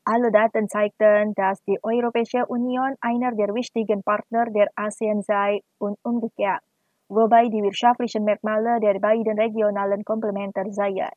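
A woman reading a scripted news report in an even, formal manner. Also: medium pitch, normal speed, dry recording, narrow, tinny audio. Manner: even, formal read delivery. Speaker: news reader.

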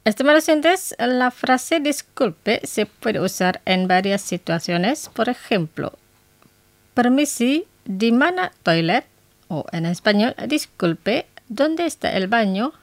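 A woman hosting a scripted radio language lesson, saying each phrase twice slowly and carefully. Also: fairly high pitch, big pitch swings, no room sound.

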